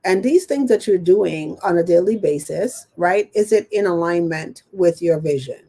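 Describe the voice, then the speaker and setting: Chatty, husky-voiced woman coach. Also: fairly low pitch, lively intonation, normal speed, mellow. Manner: chatty, many "okay" and "you know" fillers, answers viewer questions. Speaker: business coach hosting a live show. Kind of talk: live stream coaching chat.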